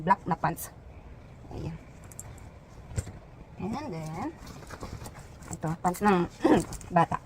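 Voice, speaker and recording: A woman's voice: lowish voice, darkish tone, a little hiss or hum, poor audio. A woman from the Philippines, a vlogger chatting casually as she shows off items one by one, with lots of fillers. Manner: chatty, points out each item with frequent fillers. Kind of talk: casual show-and-tell vlog.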